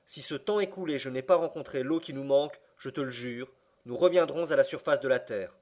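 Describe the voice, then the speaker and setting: A man voicing a stern, obstinate older professor in an audiobook, in a forceful, commanding way. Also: mid-range voice, a little fast, lightly acted. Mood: insistent. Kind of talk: audiobook character reading.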